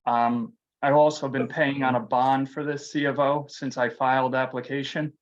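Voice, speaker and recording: A man's voice: medium pitch, level tone, moderate pace. Confrontational man on a breaking-up remote line. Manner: confrontational, accusing. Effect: remote call audio breaking up. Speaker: resident speaking at public comment. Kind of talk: public comment at a council meeting. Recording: dull lo-fi remote call line.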